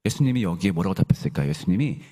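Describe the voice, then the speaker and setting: A male pastor preaching a sermon in a church, animated and often asking the congregation questions. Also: sits low, rapid-fire, breathy edge.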